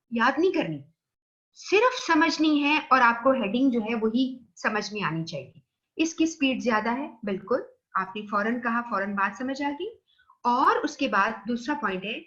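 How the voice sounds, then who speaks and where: A woman with a Pakistani accent and a fairly high voice teaches from her slides. She drops English terms into her explanation and checks that her students are following. The audio sounds dull and lo-fi. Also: fairly bright tone. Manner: explains slide points, checks understanding with "theek hai". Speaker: lecturer. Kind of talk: recorded online lecture.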